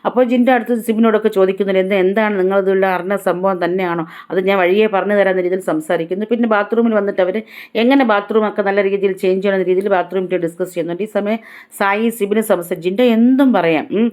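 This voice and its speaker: A woman's voice: medium pitch, fairly even intonation, fast, a little mellow. A woman vlogger giving a chatty, casual recap of a reality show episode, retelling who said what. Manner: chatty, tag-heavy retelling.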